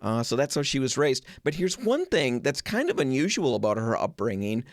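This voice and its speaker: A middle-aged man hosting a home improvement show, telling a story in a chatty, animated way with lots of asides. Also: medium pitch, brisk, no echo, studio quality. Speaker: host.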